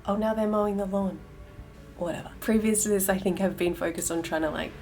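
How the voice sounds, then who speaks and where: Young woman, lowish voice, relaxed casual vlog chat, faint background music. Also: a little fast. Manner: chatty, relaxed, self-correcting. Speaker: lifestyle vlogger. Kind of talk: casual vlog talk and voice-over. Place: at home, in a wardrobe room.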